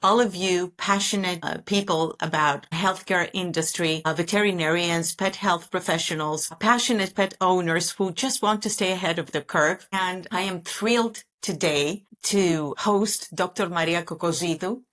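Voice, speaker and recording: This veterinary specialist hosts a podcast in a lowish, fairly bright voice at a moderate pace, rarely pausing. Her scripted introduction and interview talk comes across as warm, enthusiastic, and complimentary.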